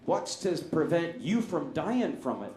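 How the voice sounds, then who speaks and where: A scheming seventeen-year-old farm boy bargains with slow, sly questions, as a man voices him in a joke. The voice is a little high and sounds through a roomy echo. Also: big pitch swings, a little mellow.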